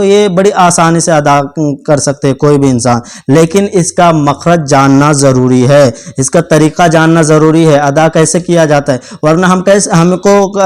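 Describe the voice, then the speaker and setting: Patient male Quran teacher, slightly high voice. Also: a little mellow, clear, resonant tone. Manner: repeats letters slowly, checks understanding often. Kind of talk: patient step-by-step lesson.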